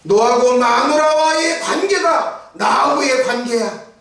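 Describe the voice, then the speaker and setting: A middle-aged male pastor preaching a Sunday evening sermon in a church sanctuary. His delivery is emphatic: he swells to near-shouts, then drops to hushed asides. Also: very high-pitched, slow pace. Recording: echoey hall from far off.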